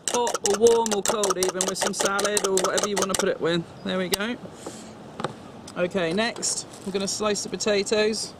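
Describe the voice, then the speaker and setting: A man with a high voice talks through a cooking demonstration one step at a time, chatty and instructive. His delivery stays level, without much rise and fall. The recording is noisy, with steady outdoor sound behind him. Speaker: cook demonstrating camp recipes. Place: outdoors at a fishing lake.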